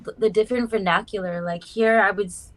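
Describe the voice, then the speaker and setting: A woman's voice: medium pitch, fairly even intonation, brisk. A young adult woman from South Africa chatting casually as a guest, with lots of "like" and "um". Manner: chatty, warm fillers, many "like" and "um". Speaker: guest musician. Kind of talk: casual interview chat.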